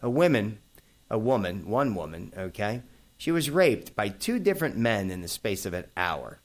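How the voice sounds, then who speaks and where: A man's voice: on the low side, normal speed. A man in his fifties with a New York accent, hosting a casual talk radio show and chatting brashly with listeners. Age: 50s. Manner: brash and animated, addressing listeners as folks. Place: radio studio.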